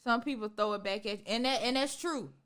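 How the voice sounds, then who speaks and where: A young woman on a casual podcast, talking fast and candidly, pushing her points with emphasis. Her voice sits a little high for a woman, and she keeps cutting in over the others. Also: fairly bright tone, smooth. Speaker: podcast co-host. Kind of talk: casual group chat.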